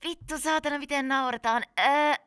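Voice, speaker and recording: A woman recording a fan dub, swearing constantly and laughing between takes. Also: sits high. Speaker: amateur voice actor. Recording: noisy home mic recording.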